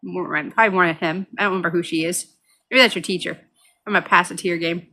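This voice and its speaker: A woman's voice: on the low side, fairly even intonation, fast talker, pushed and bright. A woman hosting a casual, unedited gaming vlog, giggly and cutesy, often slipping into baby talk. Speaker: gaming channel host.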